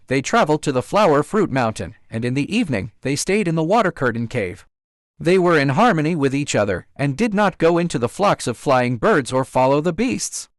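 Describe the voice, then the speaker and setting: A male storyteller reads a classic tale in a steady, melodic way. His pitch moves a lot and sits a little high. The recording is dry and close, with no room sound. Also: no echo. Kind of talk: scripted storybook narration.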